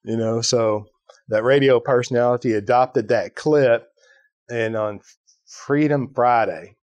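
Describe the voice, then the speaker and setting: A man's voice: mid-range voice, a little slow, darkish tone, dry recording. A man hosting a podcast, telling a story in casual conversation with lots of asides and "right?" tags. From Ireland. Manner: storytelling, acts out quoted voices, fillers like "right?". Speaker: podcast host.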